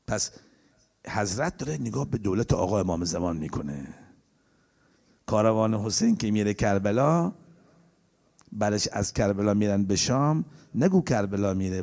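A man delivers a sermon with a gravelly edge to his voice. His pitch rises and falls dramatically as he moves between slow, chanted scripture and brisk explanation. He often pauses to put questions to his congregation. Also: a little mellow. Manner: quotes Arabic scripture in a slow chant, then explains in quick conversational Persian. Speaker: preacher. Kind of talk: religious sermon.

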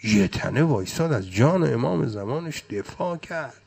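A man's voice: medium pitch, animated, gravelly, a little mellow, breathy edge. A man preaching a mourning sermon, reciting phrases in a chanting cadence. His delivery is impassioned, swelling and dropping with emotion.

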